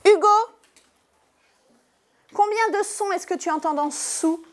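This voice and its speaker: A woman teacher giving a lesson to young pupils in a classroom, speaking slowly and clearly and stressing each syllable. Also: very high voice. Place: primary school classroom.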